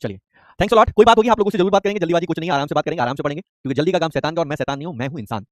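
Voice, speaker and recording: In this live online lecture, a chemistry teacher with a fairly high male voice races through the material. He repeats terms constantly and peppers his students with call-and-response questions, all captured in a dry, close recording free of reverb.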